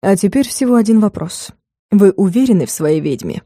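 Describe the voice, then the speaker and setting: A woman's voice: sing-song, fairly quick, mellow, no room sound, clean studio sound. Woman voicing a smug ruler of hell. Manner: mocking, turns shrill and panicky. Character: scheming pompous male ruler of hell.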